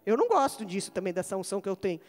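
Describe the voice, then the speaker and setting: A woman's voice: mid-range voice, sing-song, rapid-fire, a little mellow. A woman pastor with a Brazilian accent preaching a sermon in a large church, telling funny stories before building to emphatic preaching. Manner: humorous storytelling, rising to emphatic preaching. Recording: long reverb of a church hall.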